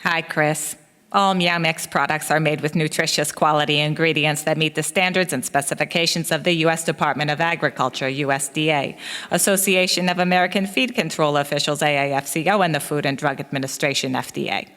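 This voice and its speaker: A man reading out a canned corporate reply in a flat, scripted tone. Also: a little high, brisk, smooth, big-room sound. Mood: bland. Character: bland corporate social media admin.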